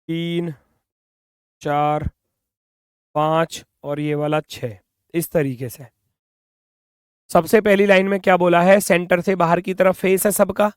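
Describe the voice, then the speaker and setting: A man teaching reasoning in an online exam-prep class, brisk and coaxing, sometimes scolding students playfully, speaking English with an Indian accent. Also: sits high, smooth, no room sound, studio quality.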